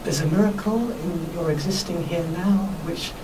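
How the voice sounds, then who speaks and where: A woman being interviewed on radio as a workshop teacher, explaining spiritual ideas in an earnest, reflective, measured way. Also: on the low side. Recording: noisy, distant microphone.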